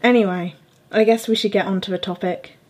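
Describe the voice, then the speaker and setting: A woman's voice: mid-range voice, steady tone, fairly quick, a little mellow. A young adult woman hosting a podcast, chatting casually with plenty of fillers and frequent laughter. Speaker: podcast host.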